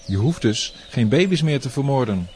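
A man's voice: medium pitch, lively intonation, normal speed, darkish tone, a little hiss or hum, lightly acted. A man voicing a mighty eight-armed goddess proclaiming from the sky in a storybook tale. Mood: commanding. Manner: proclaiming, solemn.

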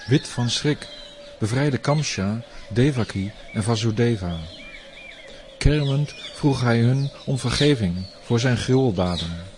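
A man narrating a storybook tale in a measured, deliberate reading. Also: medium pitch, animated, darkish tone, slight background noise.

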